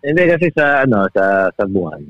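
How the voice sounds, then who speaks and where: A man's voice: medium pitch, sing-song, fast talker, crowd noise. A man on a podcast telling a long personal story in casual chat, laughing often and restarting his sentences. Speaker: podcast co-host. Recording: dull, dry sound with faint music.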